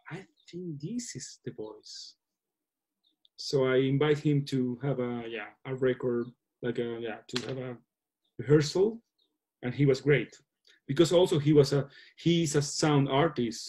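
Speaking hesitantly in English and hunting for the right words, this mellow-voiced man has a mid-range voice. He's a filmmaker answering questions in a relaxed video-call interview, recorded through his laptop in a small home room.

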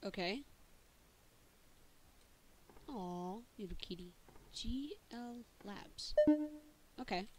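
A woman's voice: mid-range voice, animated, very slow, pauses often, noisy background. A woman giving let's play commentary on a horror game, jumpy and easily startled, reacting aloud to each scare. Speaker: gaming channel host. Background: loud game music.

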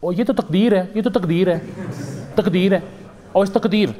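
A man's voice: sits high, fairly quick, mellow, voice pushed up, close to an everyday voice. A man voicing a self-serving older mother-in-law in an exaggerated, sing-song way. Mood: pious excuse.

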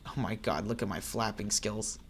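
A man giving excitable let's play commentary, chattering at the creatures on screen as he plays. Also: fairly low pitch, normal speed, a little hiss or hum. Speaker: gaming channel host.

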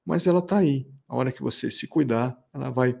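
A man gives a motivational talk on relationships. His voice is dark and mellow with a gravelly edge. He works through a list in a reflective way and briefly voices the excuses people make. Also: medium pitch, a little fast. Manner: reflective, lists points and acts out others' excuses. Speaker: relationship coach.

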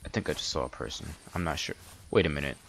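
A man narrating his survival game play as he goes, excitable and repeating "dude" often. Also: rumbling low, fast, creaky, a little hiss or hum. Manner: excitable, keeps saying "dude". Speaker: gaming channel host. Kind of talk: let's play commentary.

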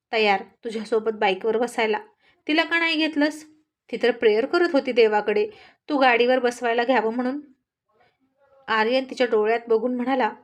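A woman narrating a college love story and reading every character's lines herself. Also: on the high side. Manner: reads all characters in the same voice. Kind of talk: storybook narration with acted dialogue.

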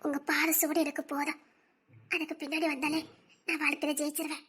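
A woman playing a gentle, devoted young village woman who speaks softly and humbly. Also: high-pitched, flat delivery, fairly quick. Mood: tender. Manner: soft, tender and humble. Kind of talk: audio drama acting.

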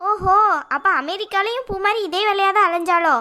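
A woman's voice: very high-pitched, brisk, pushed and bright. A woman voicing a sly, meddling young sister-in-law in a cartoon, taunting sarcastically in a Tirunelveli Tamil accent. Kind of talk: cartoon voice acting.

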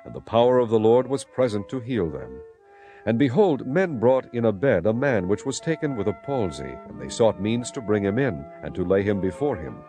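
A man with a fairly low, lively-inflected voice tells dramatized scripture solemnly at normal speed. Music sits clearly underneath, and the recording sounds muffled.

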